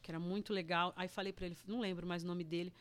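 A woman's voice: on the low side, steady tone, rapid-fire. Earnest Brazilian woman sharing a testimony. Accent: Brazilian Portuguese. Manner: earnest and emotional, with many restarts. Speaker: guest giving a testimony. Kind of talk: personal testimony in casual chat.

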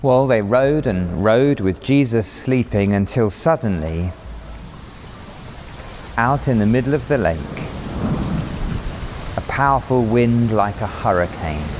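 A man's voice: medium pitch, lively intonation, slow pace, long pauses, darkish tone, a little hiss or hum. A man preaching a sermon, retelling a story vividly and dramatically. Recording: reverberant hall, faint music.

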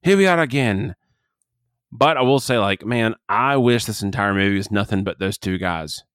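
Male co-host, low voice, candid rambling movie chatter, hiccups, dry close sound. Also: fairly even intonation, moderate pace, fairly bright tone, clean tone, no room sound. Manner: rambling, self-interrupting, candid. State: has the hiccups. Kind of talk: casual movie review chat.

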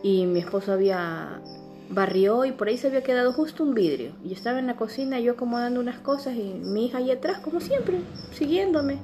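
A young adult woman and mother, chatting in an animated, quick storytelling way, with music underneath. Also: a little high. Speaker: co-host. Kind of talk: casual chat.

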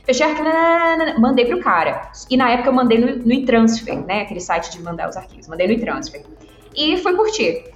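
Woman co-host, animated storyteller, bit high, echoey room. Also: a little fast. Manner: animated storyteller, laughs often. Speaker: podcast co-host. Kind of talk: casual chat. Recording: roomy, dull sound with faint music.

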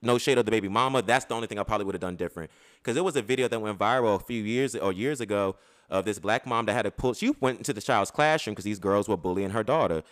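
A man, co-hosting a casual chat and talking fast. He tells stories in a loud, profane, animated way. His voice is close and dry, with no room sound. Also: on the low side, dry recording. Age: 30s. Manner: animated, profane storytelling with bursts of laughter. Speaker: podcast co-host.

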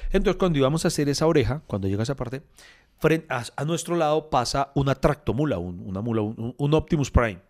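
Fast-talking Bogotá man telling stories. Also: mid-range voice. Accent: Colombian, Bogotá. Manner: animated anecdote teller, acts out dialogue, laughs often. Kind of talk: casual chat, storytelling.

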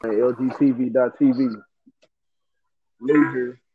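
A man's voice: mid-range voice, unhurried. A man co-hosting a casual podcast chat, his voice muffled as if through a wall from a wireless headphone mic. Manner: relaxed slangy talk. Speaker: podcast co-host. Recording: muffled distant mic with faint noise.

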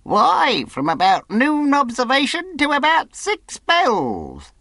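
A man's voice: very high voice, vocal fry, no echo, studio quality, voice pushed up, full character voice. A man reading aloud, voicing a wild, half-mad old castaway who is eager and cunning and talks in rustic sailor dialect. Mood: anxious. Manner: rustic sailor dialect, pleading, drawn-out, excitable.

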